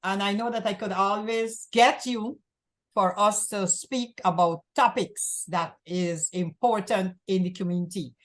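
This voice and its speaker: A woman's voice: medium pitch, measured pace. A woman from Guyana hosting a community access talk show, talking in long rambling runs and often repeating herself. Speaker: host.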